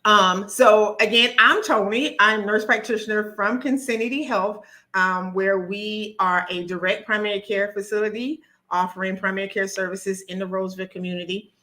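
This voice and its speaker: Bright, excited woman hosting a live stream. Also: mid-range voice, normal speed. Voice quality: nervous, talkative, many ums and restarts.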